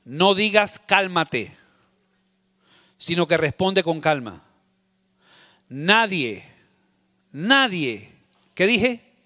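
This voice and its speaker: A man preaching a sermon in a high, bright voice, with dry sound close to the mic. He drives his points home by repeating phrases. He swings between loud and soft to act out everyday scenes. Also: big pitch swings, extremely slow, pauses often, dry recording. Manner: emphatic, repeats key phrases. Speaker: pastor.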